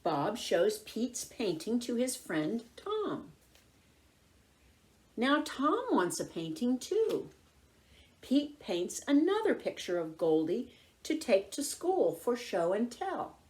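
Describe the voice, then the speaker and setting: A woman reads a picture book aloud to children, narrating expressively, slowly, and deliberately with highly varied intonation and clear phrasing.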